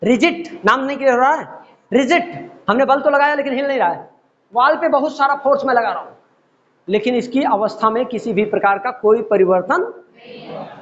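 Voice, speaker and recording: Male teacher, classroom lecture, checks understanding often, dull lo-fi sound. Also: extremely high pitch. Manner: explains with everyday examples, often checks if students understand. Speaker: physics teacher.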